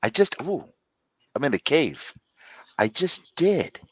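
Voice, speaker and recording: A man's voice: on the high side, big pitch swings, slow. A man co-hosting a live show, joking and teasing with a cave-like echo effect on his voice. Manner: joking, teasing, hurrying others along. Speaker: co-host. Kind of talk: casual live-show banter.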